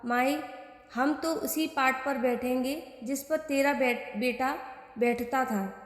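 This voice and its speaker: Woman voicing stubborn male holy man, storybook, demanding, high voice, roomy echo. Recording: echoey room with long reverb.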